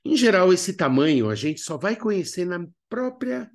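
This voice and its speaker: Teaching a radio drama workshop by video, a Brazilian-accented instructor mixes didactic explanation with chatty asides to the learner. His voice sits high, he's very animated, and he talks at normal speed.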